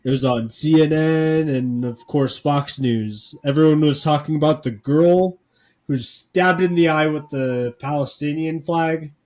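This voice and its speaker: A man co-hosting a podcast, talking casually with deadpan sarcasm and lots of filler words. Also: a little high, a little slow. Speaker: podcast co-host.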